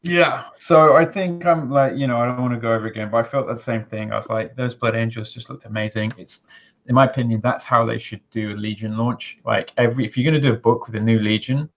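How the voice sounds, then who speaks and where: A man with a British accent chatting casually on a podcast, animated and profane, playfully indignant. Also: mid-range voice, fast talker, lo-fi sound. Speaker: podcast co-host.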